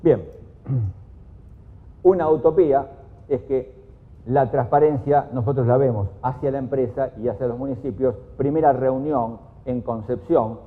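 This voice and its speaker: A man with an Argentine Spanish accent giving a lively conference talk, jumping to loud, raised voices when he quotes people. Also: medium pitch, measured pace. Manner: animated, jumps to shouts when quoting people. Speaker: conference speaker. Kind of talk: lively lecture with acted quotes. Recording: echoey hall on a thin, phone-like sound.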